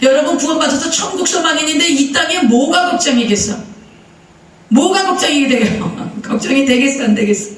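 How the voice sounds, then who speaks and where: A woman's voice: sits high, quick pace, few pauses. A middle-aged woman pastor preaching a sermon, telling a story emphatically and throwing rhetorical questions at the congregation. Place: church sanctuary. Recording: roomy church hall, voice heard from a distance.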